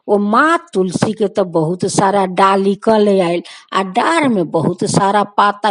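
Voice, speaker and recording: A woman storyteller narrating a devotional folk tale in a slow, earnest, repetitive manner. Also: mid-range voice.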